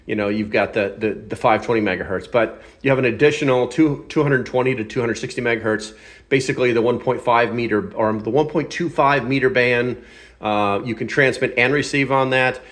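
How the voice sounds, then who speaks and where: Speaking a little fast with a slightly bright, medium-pitched tone, this gear review channel host walks through a product he's handling. His delivery is informal and improvised, with plenty of self-deprecating humor.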